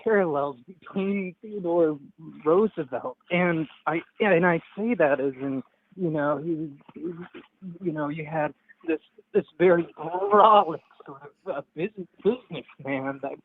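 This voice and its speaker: A young man on a tinny Bluetooth car call. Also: fairly high pitch. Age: 20s. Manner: halting, many stammered restarts. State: driving. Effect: phone call over car Bluetooth, sounding far from the mic. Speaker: caller. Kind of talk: call-in chat. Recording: tinny phone line with faint noise.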